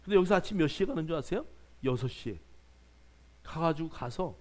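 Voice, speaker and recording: A man's voice: on the high side, expressive, a little fast, a little mellow. A male pastor preaching a sermon in church, joking with the congregation and urging them on. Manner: playful, jokes with the congregation; exhorting, calls out to the congregation.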